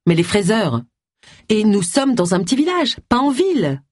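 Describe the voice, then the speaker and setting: A reader voicing a stubborn, sharp-minded middle-aged woman sleuth in an audiobook, thinking aloud with determination. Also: mid-range voice, big pitch swings, moderate pace, no echo, studio quality, voice pushed up. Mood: reasoning.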